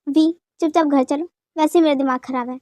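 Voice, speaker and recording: A woman doing a sharp-tongued young wife, scolding curtly in a lowered but still high voice. It is read close to the mic in a dry sound. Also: fairly even intonation, brisk, no room sound, close to an everyday voice. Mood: annoyed. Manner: curt, scolding.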